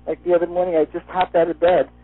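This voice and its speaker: With a high voice, little pitch movement, and a quick pace, a man gives a personal testimonial by phone as an interview guest, his speech shaped by the retainer in his mouth. There's no echo, though the line is muffled and faint music plays.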